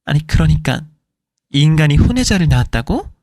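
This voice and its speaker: A man's voice: on the high side, sing-song, brisk, darkish tone, no room sound, studio quality, voice pushed up. A man voicing a furious middle-aged wife who fires indignant questions at her husband, in a storytelling reading. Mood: shocked.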